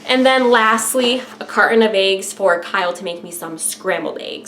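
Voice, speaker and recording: A woman's voice: mid-range voice, a bit bright, slight background noise. A woman talking casually and directly to viewers in an informal, chatty vlog style. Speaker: vlogger.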